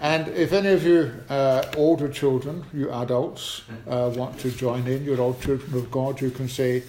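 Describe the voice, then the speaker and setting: A man's voice: mid-range voice, steady tone, normal speed, a little mellow, echoey room, slight background noise. A man leading a children's talk at a church service, chatty, asking the congregation questions. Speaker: preacher. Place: church hall.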